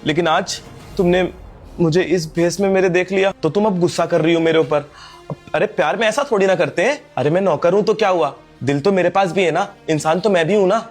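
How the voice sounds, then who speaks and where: A man's voice: high voice, a little fast, soft background music. A man playing a poor young servant who earnestly pleads with his girlfriend not to leave him. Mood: pleading. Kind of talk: scripted skit acting.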